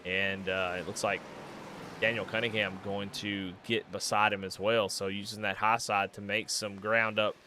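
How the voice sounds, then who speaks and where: A man calling a live sim race in casual, folksy play-by-play, getting loud and excited when the cars make contact. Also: on the low side, normal speed, noisy background. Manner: excitable, rising sharply and loud during wrecks; folksy, casual Southern phrasing. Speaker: race commentator.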